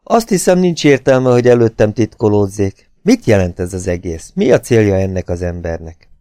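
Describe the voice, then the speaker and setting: Brief: earnest uneasy companion, mellow low voice , read by a man. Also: expressive, no echo, studio quality, close to an everyday voice. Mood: pressing.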